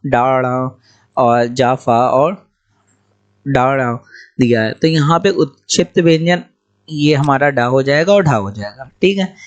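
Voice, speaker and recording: A young man teaching exam questions, explaining each answer briskly and repeating key points. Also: medium pitch, muffled recording.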